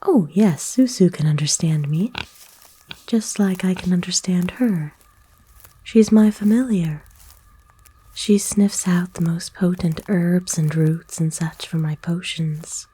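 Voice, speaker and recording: An ASMR voice actor plays a kind witch of the woods, whispering softly and extremely breathily in a mellow, slightly low voice with an exaggerated quality. Like a caring host, she is soothing, folksy, unhurried, gently old-fashioned and playful, with a friendly, chatty mood.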